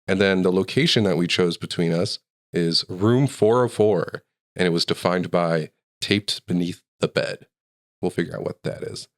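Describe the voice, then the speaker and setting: A man's voice: low voice, normal speed. A man hosting a tabletop role-play podcast, reading an intro dramatically while sounding sick. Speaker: host and player.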